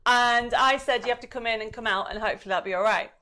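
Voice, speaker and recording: A woman's voice: fairly high pitch, fast, sharp tone. A woman hosting a craft live stream, chatting informally and casually with viewers. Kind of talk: casual chat, greeting viewers.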